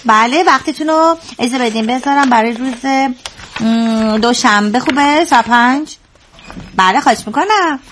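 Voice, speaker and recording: An actress playing a kindly clinic receptionist who fusses politely over visitors. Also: female voice, a little high, a little hiss or hum, close to an everyday voice. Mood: fussing. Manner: warm, fussing, polite.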